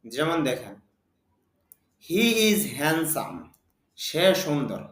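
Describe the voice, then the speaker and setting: A man giving a spoken English lesson, reading example sentences slowly and asking and answering his own questions. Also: on the high side, lively intonation, fairly bright tone, echoey room. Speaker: English teacher.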